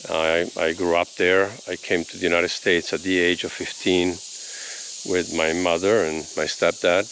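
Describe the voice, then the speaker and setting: A man in his fifties, originally from Italy, talks to the camera outdoors on his rural land, holding the phone out at arm's length. His voice sits deep and low, and he rambles in an easygoing way with plenty of ums. A little outdoor hiss sits under the sound. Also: flat delivery, normal speed, a bit bright. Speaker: homesteading vlogger. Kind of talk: casual vlog talk to camera.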